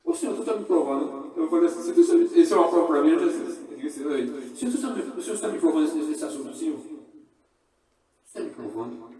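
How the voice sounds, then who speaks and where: Brazilian pastor preaching hard, high voice, mic far off, big church echo. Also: male voice, very animated, very fast, few pauses. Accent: Brazilian Portuguese. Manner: fervent, shifting between hushed and loud. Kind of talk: sermon. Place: church service. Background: congregation responding.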